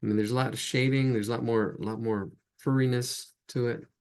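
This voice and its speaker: A man's voice: mid-range voice, fairly even intonation, fairly quick, a little mellow. A man teaching a live online drawing class, chatty and laughing at his own jokes as he sketches. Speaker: drawing instructor.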